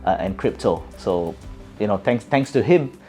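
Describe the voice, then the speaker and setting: A man's voice: fairly low pitch, animated, moderate pace, mellow, faint music behind. A middle-aged man from Singapore with a Singaporean English accent, giving thoughtful interview answers with many fillers and restarts. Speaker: guest.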